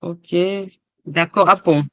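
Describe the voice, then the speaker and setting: A man in an online training session, slowly checking participants' answers one by one. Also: fairly high pitch, fairly even intonation, no room sound, lo-fi sound.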